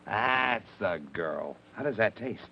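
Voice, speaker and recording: A man's voice: fairly low pitch, animated, slow pace. A man hosting an old children's TV show, speaking in a folksy, exclamatory way to the kids. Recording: muffled, noisy old TV recording.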